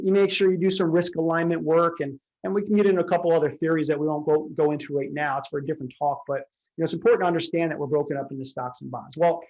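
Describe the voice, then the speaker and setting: A man's voice: fairly high pitch, a little mellow. Chatty male retirement advisor, lo-fi. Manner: conversational, many "you know" fillers and rhetorical questions. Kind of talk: explanatory lecture with slides.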